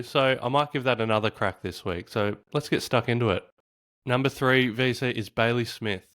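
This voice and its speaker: Australian male host, lower register, casual solo chat, easygoing and self-amused. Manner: chatty, relaxed, laughs at himself. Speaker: fantasy football podcast host. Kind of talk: solo casual commentary to camera.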